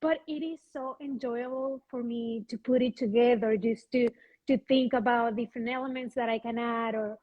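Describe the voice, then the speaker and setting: A woman with a fairly high voice talks about her work in a relaxed interview. She speaks haltingly and often restarts her sentences. The audio comes through a video call and sounds dull and lo-fi. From Venezuela. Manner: halting, many restarts, light laughs. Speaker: guest photographer. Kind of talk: casual interview chat.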